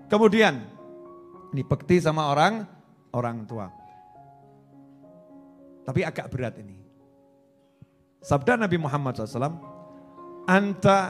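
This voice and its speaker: A middle-aged man, preaching a sermon, animated, going from soft asides to loud emphatic repetition. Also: mid-range voice.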